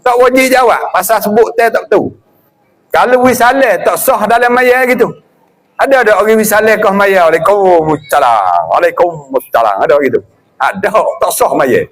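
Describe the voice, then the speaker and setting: A middle-aged man with a Patani Malay accent giving a lively religious lecture, acting out greetings and chuckling often. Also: sits high, moderate pace. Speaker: religious teacher.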